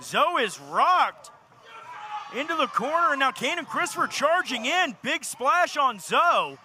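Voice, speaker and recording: A man calling wrestling play-by-play as an excited announcer, often shouting his forceful calls. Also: very high voice, unhurried. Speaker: wrestling commentator. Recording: noisy live arena recording.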